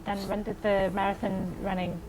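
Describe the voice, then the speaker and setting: A woman's voice: medium pitch, level tone, normal speed, a crowd in the background, poor audio. A woman hosting a podcast interview, asking friendly questions with small hesitations. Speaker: podcast host. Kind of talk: casual interview.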